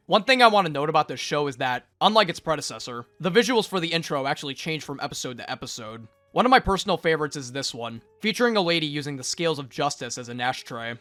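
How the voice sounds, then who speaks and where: Brief: young male reviewer, quick, slightly high, sarcastic narration. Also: sharp tone, no room sound. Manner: sarcastic, joking asides. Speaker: video reviewer. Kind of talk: fast scripted recap narration.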